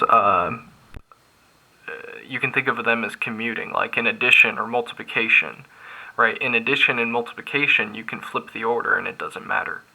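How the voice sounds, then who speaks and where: Bright-voiced man teaching logic. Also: medium pitch, gravelly, low-quality recording. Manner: thinking aloud, restarts, filler-heavy. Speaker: math instructor. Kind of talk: recorded lecture at a board.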